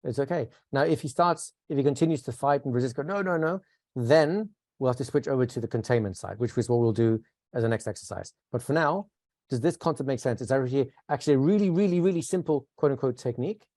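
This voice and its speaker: A man leads a workshop in a relaxed, conversational way, often checking in with his students with questions. He has a mid-range voice and sometimes drops into a slow, calm, soothing tone to show how it is done. The sound is dry and close, with no room echo. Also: mid-range voice. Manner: conversational, asks the class questions, models calm soothing speech. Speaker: instructor. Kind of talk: teaching a live workshop.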